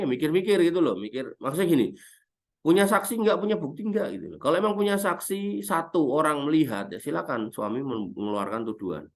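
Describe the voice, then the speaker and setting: A man giving a conversational Islamic study lecture, often adding tag questions as he explains. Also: mid-range voice. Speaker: Islamic teacher.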